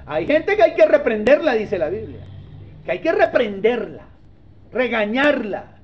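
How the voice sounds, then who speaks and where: A male pastor preaches in a high, lively voice that rises and falls a great deal. He talks with his congregation in a conversational way, asks whether they agree, and acts out short exchanges. The sound is dull and lo-fi. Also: measured pace. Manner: acts out little dialogues. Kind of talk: sermon. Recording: dull lo-fi sermon recording.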